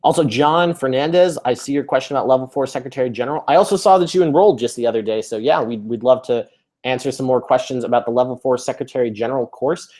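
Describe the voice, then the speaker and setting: A man's voice: medium pitch, fast, darkish tone. A man hosting a live webinar over a video call, upbeat and chatty, with many fillers and restarts. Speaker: webinar host.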